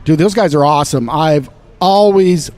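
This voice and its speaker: Mellow-voiced man telling a rambling story. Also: fairly high pitch, moderate pace. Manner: rambling storyteller, trails off softly. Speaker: studio guest. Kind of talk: casual chat. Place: indoor shop space.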